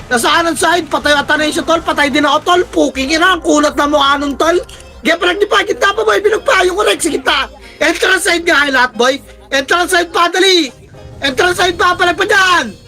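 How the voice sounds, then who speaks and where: A young man with a hoarse, cracking voice shouting quick commands and countdowns to his team during a live game, swearing often. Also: very high voice, faint music behind. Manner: barks rapid commands and countdowns, swears a lot. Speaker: team shot-caller.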